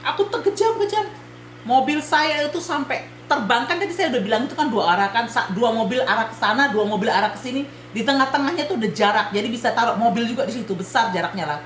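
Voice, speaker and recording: Woman from Indonesia, high voice, animated storytelling vlog, echoey room. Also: quick pace, slight background noise. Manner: animated, retells events while addressing viewers as friends. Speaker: vlogger.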